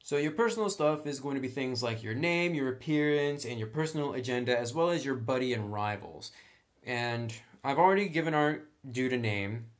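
Here a man with a mid-range, animated voice leads a casual tabletop game tutorial at a moderate pace. He breaks things down step by step in conversation, reading some of the rules aloud.

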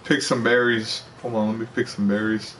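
A young man streaming a video game, chatting casually and excitably with a friend, teasing and full of slang. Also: lowish voice, normal speed, a crowd in the background. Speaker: gaming streamer. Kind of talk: casual gaming chat. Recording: distant voice with clear background noise.

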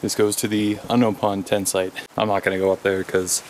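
With a little hiss or hum in the audio, a man on the low side speaks a little fast in a flat delivery. This hiker vlogger in his thirties gives casual trail narration on a forest path, thinking aloud into a handheld pole-mounted action camera.

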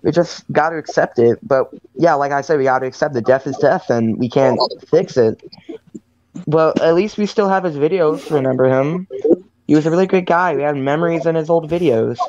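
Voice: mid-range voice, fairly quick, a little mellow, dry recording, dull audio. A participant in a casual voice chat, rambling and earnest, with many fillers.

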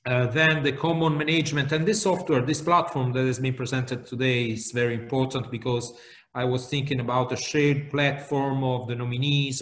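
A middle-aged man on a video call from an office, making earnest, argumentative panel remarks with frequent fillers. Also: medium pitch. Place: office with bookshelves. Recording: echoey room.

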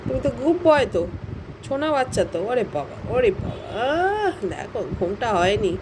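A woman's voice: high-pitched, very animated, normal speed. A woman filming a casual home vlog, coaxing her pet dog in affectionate baby talk. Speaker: dog owner. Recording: traffic noise behind.

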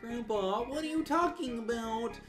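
A woman puts on a naive little tadpole boy from a video game. The voice is raised high, eager and childlike, full of exclamation. Music plays clearly underneath. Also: a little slow, close to an everyday voice. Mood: worried, naive. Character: naive, excitable young male tadpole child. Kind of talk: dramatised video game dialogue reading. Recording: music behind the voice. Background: plucked-string game music.

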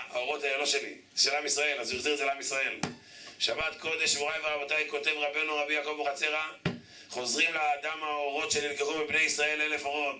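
A man preaching a sermon as a rabbi, firing repeated rhetorical questions at his congregation. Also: on the high side. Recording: echoey room, distant mic, background noise.

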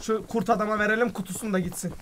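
A man streaming a game live, excitable and joking, often shouting at what happens on screen. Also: high-pitched, very fast. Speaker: gaming streamer. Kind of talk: live gameplay commentary. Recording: game sounds and noise under the voice.

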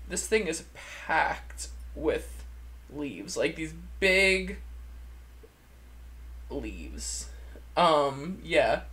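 A man with a campy, chatty drag queen manner, giving a casual, gushing video review in a creaky voice. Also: a little high, fairly bright tone. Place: indoor room, seated at a desk.

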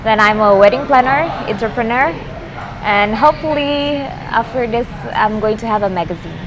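A woman's voice: fairly high pitch, moderate pace, rough recording. A young woman from Indonesia who works as a wedding planner, shy and giggly as she chats in a casual interview. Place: indoor cafe on a sofa.

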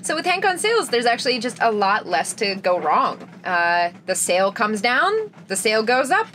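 A woman's voice: medium pitch, moderate pace. Young woman, casual interview guest, upbeat and chatty, recorded in a small boat cabin with faint background noise. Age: young adult. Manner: lively, laughs often, talks with her hands. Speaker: sailor guest.

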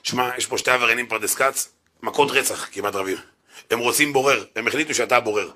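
A man's voice: mid-range voice, sharp tone, lightly acted. A man voicing a pushy, streetwise male caller who coaxes and reassures a rabbi. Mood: coaxing. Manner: coaxing, reassuring.

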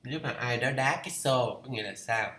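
A Vietnamese man talking through English idioms in a casual study vlog. He thinks aloud and reads English phrases slowly to check how they are pronounced. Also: mid-range voice, bright, forceful tone, echoey room. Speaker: learner reading a course aloud.

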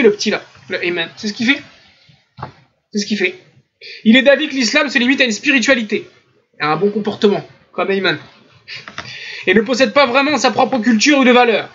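A man's voice: sits high, fairly bright tone, breathy edge. A man giving an online religious lecture in a sarcastic tone, mimicking his opponents with humor. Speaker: religious teacher. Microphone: computer mic in a voice chat room. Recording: lo-fi online voice chat audio.

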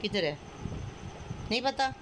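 A woman's voice: medium pitch, animated, a little slow. Woman vlogging at home over background noise. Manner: coaxing and soothing a crying child. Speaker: family vlogger. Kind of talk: casual home vlog narration. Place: family home indoors. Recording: noisy home phone recording.

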